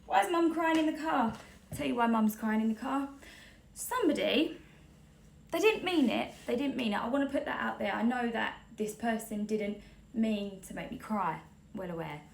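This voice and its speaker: Tearful mum with a gravelly voice. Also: female voice, on the high side, animated, normal speed. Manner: tearful, candid, self-deprecating. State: close to tears. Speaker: mum sharing a story. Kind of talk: emotional storytime vlog.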